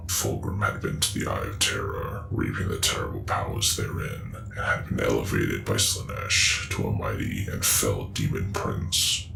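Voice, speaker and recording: A man in a whispered role-play narrates scripted lore as a gruff space marine, in a solemn, measured, gravelly voice. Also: extremely low pitch, pushed and bright. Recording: echoey, with music underneath.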